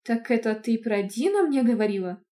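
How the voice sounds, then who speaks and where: A woman reading an audiobook, voicing a chatty, cheeky young cat-shifter girl who gushes fast and excitedly. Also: fairly high pitch, natural voice. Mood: gushing.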